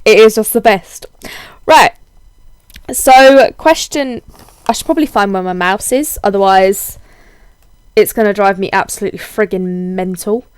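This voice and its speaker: A young woman with a cold-hoarsened voice, chatting casually in a rambling, self-deprecating way as a video blogger. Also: medium pitch, unhurried, long pauses, no echo. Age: young adult. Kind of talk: casual chatty vlog, answering tag questions.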